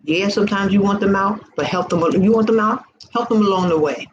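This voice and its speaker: Here a faith vlogger in her sixties speaks fairly quickly in a mid-range voice, delivering informal encouragement with fervent, preacher-like repetition. Her recording sounds muffled and carries a noisy hiss.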